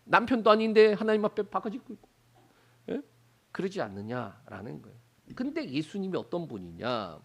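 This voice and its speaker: A middle-aged pastor from Daegu with a Gyeongsang accent, preaching a Wednesday sermon, asking the congregation rhetorical questions and acting out voices. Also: male voice, high-pitched, huge pitch swings, moderate pace, fairly bright tone, husky. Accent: Gyeongsang Korean. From Daegu, South Korea. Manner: acts out Bible characters' lines in exaggerated voices. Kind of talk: Wednesday prayer service sermon.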